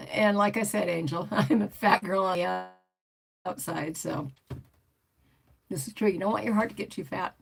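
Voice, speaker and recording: A woman's voice: mid-range voice, unhurried, creaky, pauses often. An older woman hosting a casual livestream, rambling and chatty as she reads out viewer comments and answers them. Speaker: motorcycle vlogger hosting a livestream.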